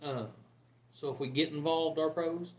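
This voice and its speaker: A man co-hosting a casual live stream, relaxed and joking, often trailing off mid-thought. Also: a little high, moderate pace, dull audio. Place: room in a home. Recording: roomy echo with faint background noise.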